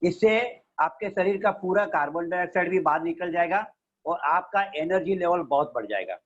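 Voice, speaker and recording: A man's voice: high voice, normal speed, lo-fi sound. A man explaining a meditation practice step by step to a group on a video call. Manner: steady, explanatory, mixes English terms. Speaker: meditation teacher.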